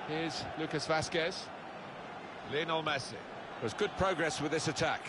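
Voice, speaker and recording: A man doing brisk play-by-play football commentary for a game, rising sharply on shots and goals. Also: a little high. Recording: loud game noise behind.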